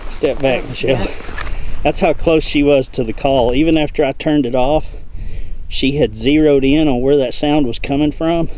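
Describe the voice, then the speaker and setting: A man's voice: mid-range voice, moderate pace, darkish tone. A man talking casually and giving commentary as he guides a hunt outdoors. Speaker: hunting guide and video host. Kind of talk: casual chat and commentary while hunting. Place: outdoors in open brushy country. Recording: outdoor recording with clear background noise.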